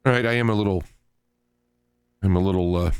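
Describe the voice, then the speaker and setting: Low-pitched and fairly quick, a middle-aged or older American man rants unscripted about politics on his radio talk show, animated, combative and emphatic. His tone is clean, with no echo.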